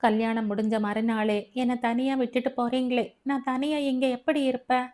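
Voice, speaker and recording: A woman's voice: on the high side, flat delivery, normal speed, a little mellow, close to an everyday voice. A woman reading the lines of a clingy young newlywed wife in an audio novel, in a pleading way.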